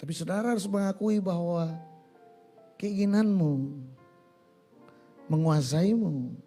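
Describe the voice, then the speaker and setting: A male pastor preaching a sermon in a church, animated, asking the congregation questions and answering them himself. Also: high-pitched, moderate pace, husky, soft background music.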